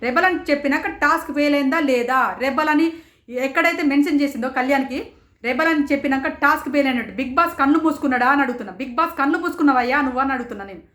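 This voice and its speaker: Fast, high-voiced woman. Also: fairly bright tone, echoey room. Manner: rapid, rhetorical, indignant, quotes others in raised voices. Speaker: show reviewer. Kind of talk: passionate commentary.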